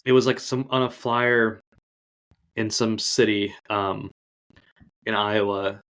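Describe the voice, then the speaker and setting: A man's voice: on the low side, fairly even intonation, slow pace, a bit bright, clean tone. A young man co-hosting a casual podcast chat, rambling along with lots of "like" fillers. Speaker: podcast co-host.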